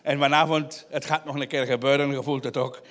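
Bright-voiced Flemish stand-up comedian. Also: male voice, mid-range voice, flat delivery. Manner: teasing front-row audience members, with wild drawn-out shouting. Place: comedy show tent.

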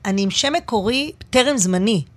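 Animated woman comedian telling stories. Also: a little high. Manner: animated, expressive storyteller. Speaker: stand-up comedian guest. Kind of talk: casual interview chat.

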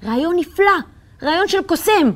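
A woman reads a children's story aloud with a high, lively voice that swings freely. Her narration is expressive and animated, shaping every turn of the tale. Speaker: story reader.

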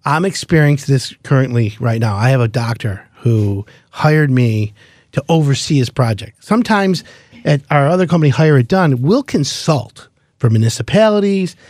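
A man's voice: mid-range voice, normal speed, dry recording, clean studio sound. A man working as a renovation consultant, telling stories in a casual podcast chat, acting out the people he quotes and swearing freely. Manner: animated, acts out quoted people.

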